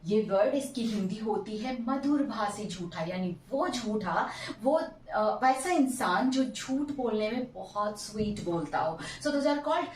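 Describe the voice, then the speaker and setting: A woman teaching English vocabulary, mixing languages and stretching out each word slowly to drill its pronunciation. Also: mid-range voice, expressive, a little hiss or hum. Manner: slow, drawn-out pronunciation drills. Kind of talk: bilingual vocabulary lesson. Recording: echoey room, mic at a distance.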